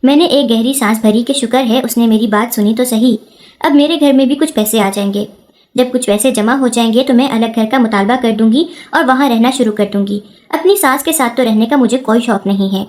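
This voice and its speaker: A woman reading a first-person moral story as scripted narration, with a steady storytelling delivery. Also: a little high.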